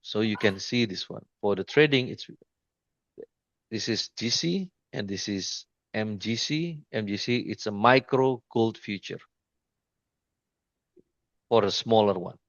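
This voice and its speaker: A man with a low voice walks a listener through trading charts in a loose, halting way, often restarting and repeating "see, like this." The sound is dry and close, with dull lo-fi call audio. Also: expressive, dry recording. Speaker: trading mentor. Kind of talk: informal screen-share lesson.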